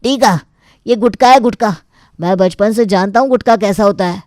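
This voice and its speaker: A woman's voice: medium pitch, normal speed, a little mellow, no room sound, studio quality, lightly acted. A woman voicing an irritated middle-aged neighbor man who questions everything with indignant suspicion.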